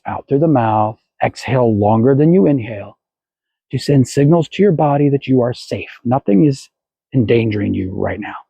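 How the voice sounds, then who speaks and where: A man's voice: mid-range voice, vocal fry, warm tone, slightly rough, dry recording, lo-fi sound. A man hosting a motivational podcast, coaching listeners and acting out their anxious inner voices. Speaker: podcast host.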